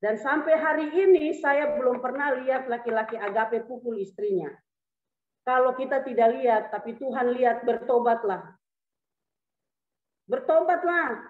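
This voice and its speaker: Woman pastor, lively sermon with jokes and acted asides, higher voice, phone-like thin sound. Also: normal speed. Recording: echoey hall, phone-like sound.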